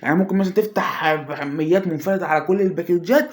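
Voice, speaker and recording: A man with an Egyptian Arabic accent giving excited pack-opening commentary for his gaming channel, anxious and pleading, swinging between groans and shouts. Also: high voice, rapid-fire. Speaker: gaming YouTuber.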